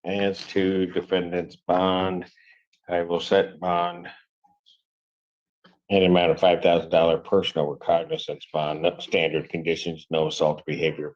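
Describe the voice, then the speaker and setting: Low-voiced male judge in a courtroom recording. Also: dull audio. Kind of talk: courtroom proceedings, calling cases and ruling. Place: courtroom with video link.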